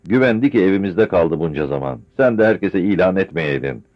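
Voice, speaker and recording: A sharp-tongued old village woman who scolds and shouts in a high, loud voice, as a male narrator puts her on. Her words come out in fast furious strings. The audiobook recording is dull and lo-fi. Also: animated. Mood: scolding. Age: older.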